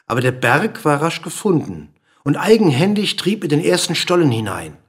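A man narrating a story aloud in an expressive, lively reading manner. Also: a little high, normal speed, slightly rough.

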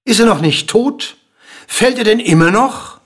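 A man's voice: high voice, expressive, a little slow, husky, pitched above the performer's own voice, full character voice. A man doing an impatient demanding king. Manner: calls out loud, impatient.

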